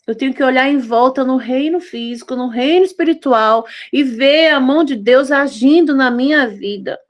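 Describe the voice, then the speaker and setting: High-voiced woman in her fifties preaching. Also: moderate pace, dull audio. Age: 50s. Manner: tender, intimate, pleading. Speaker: devotional preacher. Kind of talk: devotional sermon.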